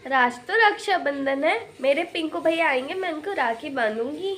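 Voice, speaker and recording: A woman's voice: high voice, animated, moderate pace, a bit bright, slight background noise. A woman voicing a young girl, the daughter of the house, in a comic family skit, with a childlike, whiny manner. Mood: excited.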